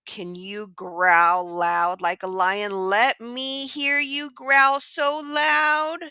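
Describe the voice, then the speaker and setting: A cute, cheerful little pixie pig, voiced by a woman, hosts a children's farm-sounds lesson. He talks slowly in a bright, clear voice. He gushes and keeps urging the kids to try along, and the recording is close and dry. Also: fairly high pitch, level tone, no room sound, full character voice. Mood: sweet, encouraging. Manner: gushing, encouraging, asks kids to join in. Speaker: children's show host.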